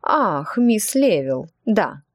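A woman voicing a fussy, talkative middle-aged witch teacher in an audiobook, gently evasive in manner. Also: mid-range voice, very animated, drawn-out words, dry recording, clean studio sound, full character voice. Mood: chatty. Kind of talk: audiobook character voice.

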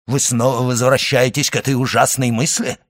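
A man's voice: low-pitched, moderate pace, gravelly, breathy edge, voice pushed down, heavily acted. A man reading aloud as an agitated male royal prosecutor, who speaks in a tense, exclaiming way. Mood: alarmed. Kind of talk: audiobook reading.

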